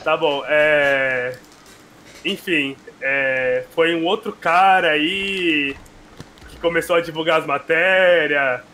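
High, bright excitable man arguing. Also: slow, slight background noise. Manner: excitable, repeats himself while arguing. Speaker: podcast co-host. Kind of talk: casual banter.

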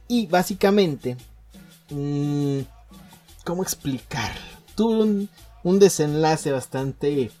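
A young man with a Mexican accent casually telling a school story on a podcast, full of slang, swearing, jokes and halting restarts. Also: mid-range voice, warm tone. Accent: Mexican Spanish.

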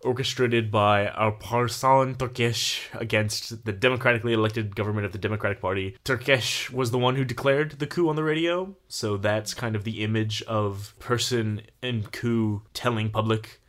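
A man's voice: fairly low pitch, steady tone, moderate pace, few pauses, a bit bright. A young adult man co-hosting a podcast, chatting casually about a film and its history, laughing often. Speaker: podcast co-host.

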